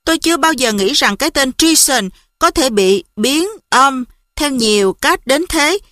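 Expressive woman audiobook narrator, bright tone, close and dry. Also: high voice, unhurried, no room sound. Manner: lively, expressive first-person narration. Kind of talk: storybook narration.

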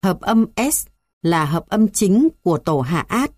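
A woman with a somewhat low voice reads a theory textbook aloud. She moves through numbered points in a steady, measured way. The sound is dry and close, with no room echo. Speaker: textbook reader.

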